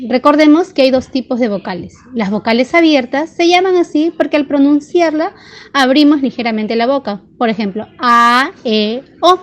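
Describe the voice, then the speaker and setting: Brief: woman teacher, high voice, patient pace, sounds out each syllable for kids. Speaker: primary school teacher. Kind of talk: online grammar lesson.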